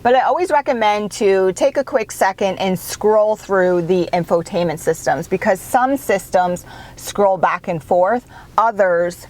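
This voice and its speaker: A woman's voice: medium pitch, a little slow, darkish tone. An enthusiastic woman presenting a car review in a mid-range voice. She talks chattily through each feature with little laughs, over a faint hum in the background. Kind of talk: upbeat car review walkthrough.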